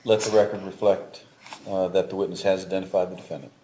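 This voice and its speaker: A man acting as judge, giving a brisk, formal ruling in a courtroom, heard off-mic in a courtroom recording. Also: deep voice, little pitch movement, mellow, reverberant, slight background noise.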